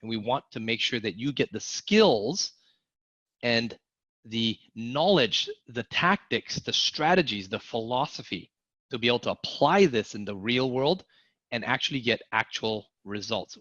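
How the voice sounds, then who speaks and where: A man with a mid-range voice speaks unhurriedly while teaching a live online sales class. He energetically asks viewers to type their answers in the chat. The recording is dry, with the highs cut off.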